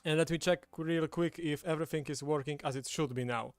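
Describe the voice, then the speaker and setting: Speaking briskly with a slightly high voice and fairly even intonation, a Polish man chats casually while hosting a livestream in his native Polish with a Polish accent. The recording is dry, and he's indoors at a table with a streaming setup, with background music playing.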